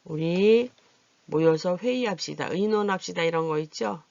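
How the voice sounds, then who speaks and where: A patient adult literacy teacher who slowly drills vowel pronunciation and repeats each word for learners to follow. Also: mid-range voice, gravelly, a little mellow, no echo, dull audio. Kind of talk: Korean vowel lesson.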